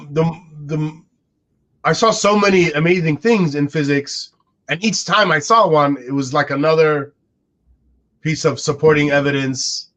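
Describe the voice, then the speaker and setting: Co-hosting a laid-back podcast, an Arabic-speaking man in his forties wonders aloud, often restarting his sentences. His pitch is fairly high and his tone a bit bright, heard through dull lo-fi audio.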